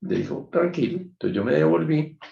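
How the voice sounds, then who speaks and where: Low gravelly guy giving a lecture, muffled roomy sound, calm storytelling. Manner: measured, reflective storytelling. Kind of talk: online lecture. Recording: dull muffled sound in an echoey room.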